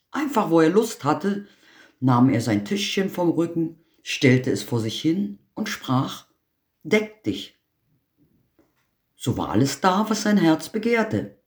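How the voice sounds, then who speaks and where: A man reading a fairy tale aloud as narrator, in a slow, measured storytelling manner. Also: on the high side, darkish tone. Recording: roomy echo.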